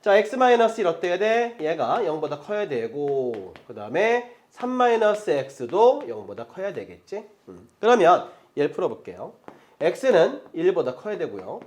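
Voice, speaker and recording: A middle-aged man teaching a math class, explaining step by step and checking in with quick rhetorical questions. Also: on the high side, very animated.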